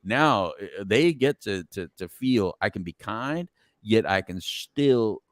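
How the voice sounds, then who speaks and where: A middle-aged man with a very low voice that swings up and down freely as he talks. He chats casually as a podcast host, rambling through restarts and breaking into laughter often. The sound is close and dry. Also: lively intonation, takes it slowly, dry recording. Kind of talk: casual chat.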